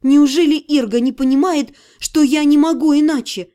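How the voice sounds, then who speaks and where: A woman narrating a first-person fantasy novel as an audiobook, with an expressive, even reading. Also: high-pitched, normal speed.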